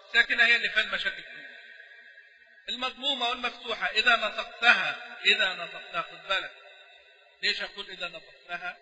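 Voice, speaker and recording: High bright man teaching in an echoey hall. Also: fairly even intonation. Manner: keeps prompting students with quick questions. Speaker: Quran recitation teacher. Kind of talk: classroom lecture explaining a poem. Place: mosque recitation hall.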